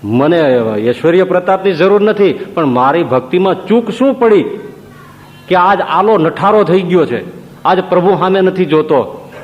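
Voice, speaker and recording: A preacher voicing a pleading devotee. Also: male voice, high voice, expressive, a little slow, voice pushed up. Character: humble grieving male devotee pleading with guru. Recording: long reverb, dull lo-fi sound.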